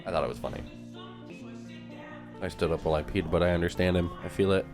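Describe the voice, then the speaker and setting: A man's voice: low voice, fairly even intonation, quick pace. A man co-hosting a podcast, chatting casually about music, joking and swearing freely. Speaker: podcast co-host.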